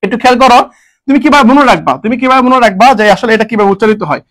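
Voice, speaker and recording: Male online grammar tutor, high quick voice, repetitive and jokey. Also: expressive, fairly bright tone. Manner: repetitive, asks and answers his own questions; jokey, homely dialect forms. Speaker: teacher.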